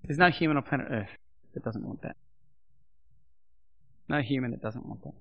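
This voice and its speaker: At medium pitch and normal speed, a middle-aged man preaches a sermon in a slightly croaky voice, with the high frequencies cut off. He stresses and repeats his points forcefully and becomes soft-spoken for prayer.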